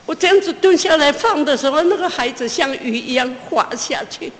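A woman's voice: lively intonation, a bit bright. A mother recounting a personal testimony, stopping and restarting, her voice rising as the tension returns. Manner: pauses and restarts, pitch climbs as she relives the tension. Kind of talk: emotional spoken testimony. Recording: long hall reverb.

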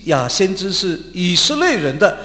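Lively male preacher, emphatic, recorded in a reverberant hall. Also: high-pitched. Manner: emphatic, pausing for translation. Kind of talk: sermon with an interpreter.

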